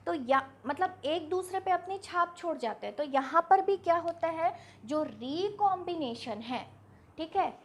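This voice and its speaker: A woman's voice: very high voice, lively intonation, a little slow. A woman teaching a biology lesson step by step, posing questions to her students and answering them herself. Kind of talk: online exam-prep lesson.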